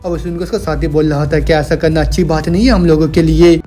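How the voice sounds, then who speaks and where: A man's voice: on the high side, fairly even intonation, fast talker, warm tone, faint music behind. A man retelling a comic's story in a plain storytelling way, speaking the characters' lines in his own voice. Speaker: manhwa recap narrator. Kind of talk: storytelling recap narration.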